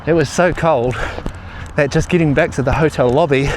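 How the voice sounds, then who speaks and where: A man's voice: fairly high pitch, normal speed. New Zealand man talking while running outdoors, noisy. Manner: talking while running, in short broken phrases. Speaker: running vlogger. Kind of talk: casual rambling vlog chat. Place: outdoors on a run through a mountain town. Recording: outdoor street noise, wind and traffic.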